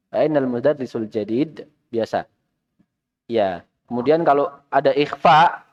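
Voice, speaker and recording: A man's voice: a little high, highs cut off. A man with an Indonesian accent, teaching an Arabic class in a mosque and patiently questioning his students.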